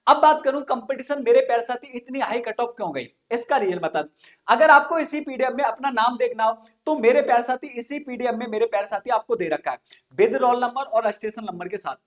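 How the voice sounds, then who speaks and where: Brisk and very high-voiced, this man runs an informal online exam-coaching session, going over points again and again and frequently checking in with his listeners.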